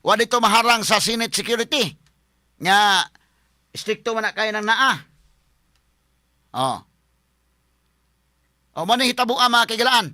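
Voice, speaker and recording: A man with a high, sharply bright voice hosts a casual commentary show. He chats to viewers as if they were friends and stops often to restart or fill a pause. The sound is close and dry. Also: no echo. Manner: chatty, talks straight to viewers as friends; halting, with many fillers and restarts. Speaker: lawyer and commentary host.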